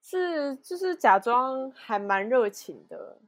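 A woman's voice: sits high, lively intonation, slow pace, dry recording, clean studio sound. A woman co-hosting a casual podcast chat, asking curious follow-up questions and laughing easily. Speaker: podcast co-host.

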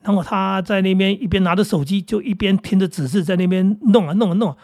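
A man's voice: sits high, quick pace, darkish tone, dry recording, studio quality. A middle-aged man with a Taiwanese Mandarin accent, hosting a casual chat and rambling through anecdotes with many fillers. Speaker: podcast host.

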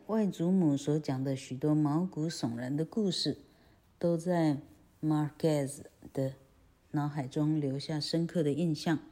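Woman teacher, Taiwanese Mandarin accent, low voice, slow chatty delivery with fillers. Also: dark tone. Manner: chatty, frequent filler "ha", self-correcting; spells out words letter by letter. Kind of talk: casual lesson on a picture book.

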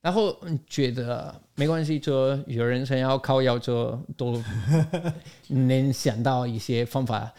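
A man's voice: medium pitch, a little slow, warm tone, clean tone. A man speaking as a guest in a casual interview, giving his opinions and explaining them through stories and quoted exchanges. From outside Taiwan.

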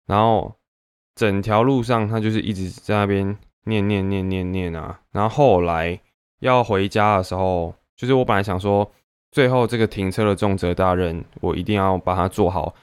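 Young Taiwanese man ranting, smooth voice. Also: on the low side, no echo, studio quality. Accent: Taiwanese Mandarin. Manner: animated, ranting, many fillers. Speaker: vlogger. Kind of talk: casual venting monologue.

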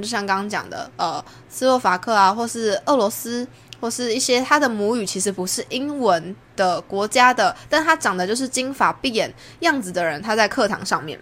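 A young Taiwanese woman hosts a podcast, chatting through a personal story in a Taiwanese Mandarin accent with a fairly bright tone. Whenever she acts out what people said, her pitch jumps way up.

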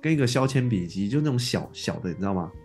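Man, casual podcast storytelling, lively, very fast, faint music. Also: fairly low pitch. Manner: lively, mimics his younger self. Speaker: podcast co-host.

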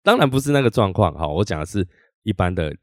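A man, a podcast host and musician, telling a story in a casual monologue, animated, acting out quotes and often restarting his sentences. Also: low-pitched, fast talker, no echo, clean studio sound.

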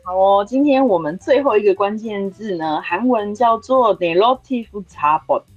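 A woman's voice: mid-range voice, expressive, moderate pace, husky, no echo, dull audio, soft background music. A woman, teaching a word on a podcast, explaining step by step and checking that listeners follow. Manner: explains patiently with check-in questions. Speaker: Korean language teacher on a podcast.

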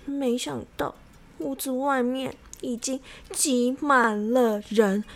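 A woman narrating a children's story in a lively, expressive way, speaking to young listeners. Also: high voice, slow pace.

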